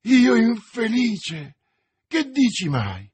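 A man's voice: unhurried, husky, exaggerated voice. Man voicing impassioned young musketeer D'Artagnan. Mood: frantic. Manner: excited, pleading, raised pitch. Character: young hot-blooded male musketeer, impassioned. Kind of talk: audiobook character voice.

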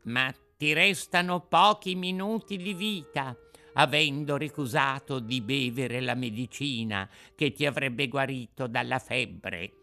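A man's voice: mid-range voice, measured pace, pushed and bright. A man doing a grim undertaker rabbit. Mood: ominous.

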